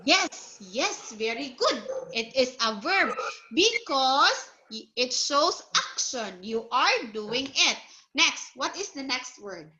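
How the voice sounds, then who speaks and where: A woman with a high, bright, forceful voice and wide swings in pitch tutors a child in English one-on-one. She speaks slowly and patiently, repeating words for the learner to copy and praising the answers.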